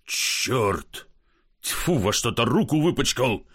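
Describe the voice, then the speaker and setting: A man voicing a drunk middle-aged gentleman who coaxes and curses, fussy and blustering. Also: mid-range voice, sing-song, slow pace, husky, heavily acted. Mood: exasperated. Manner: coaxing, then cursing in frustration.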